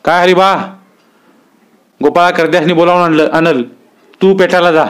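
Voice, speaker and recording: A man's voice: high-pitched, fairly even intonation, normal speed, clean tone, voice pushed up, lightly acted. A man voicing a stern village headman giving orders. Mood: commanding. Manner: authoritative, issues curt orders.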